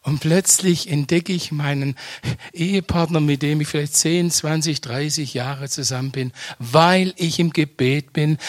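Emphatic older German preacher, tinge. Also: male voice, a little high, dry recording. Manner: emphatic, swings between loud exclamations and soft hushed lines; addresses the congregation directly with questions. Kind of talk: sermon.

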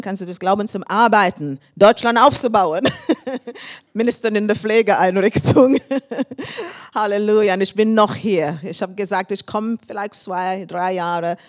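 A woman in her fifties from England, with an English accent on her second language, preaching as a guest and sharing personal testimony with laughs and shouts of praise. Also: mid-range voice. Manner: warm and thankful, with frequent laughs and praise shouts.

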